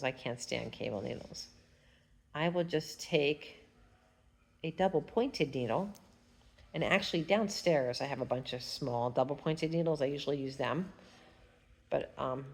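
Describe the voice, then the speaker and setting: Here a stuffy-nosed woman with a deep, darkish voice talks at a moderate pace. She's a fiber arts vlogger at home, showing her knitting in a casual, rambling tutorial chat and humming to herself while she works.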